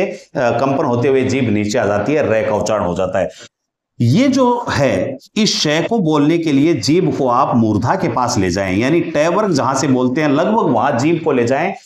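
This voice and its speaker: A man teaching a lesson on Hindi consonants, asking questions and repeating sounds slowly for his students. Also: mid-range voice, echoey room. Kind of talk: explanatory grammar lesson.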